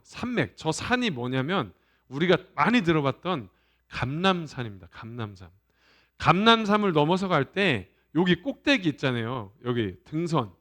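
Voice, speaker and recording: A male pastor giving a Sunday sermon, animated, asking the congregation questions and trailing off softly at the ends of phrases. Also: a little high.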